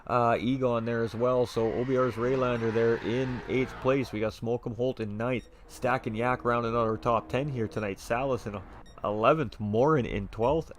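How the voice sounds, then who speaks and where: A man doing live-stream sim racing commentary, chatty and excitable, reading chat aloud from a home streaming setup. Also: medium pitch, a little hiss or hum.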